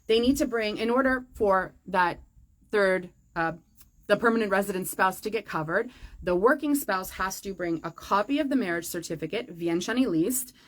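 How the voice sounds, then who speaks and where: A woman answers viewer questions in a casual, upbeat chat to camera, filling her speech with frequent fillers. She's set up in a forest gazebo outdoors. Her pitch is medium, her intonation lively and her speed normal.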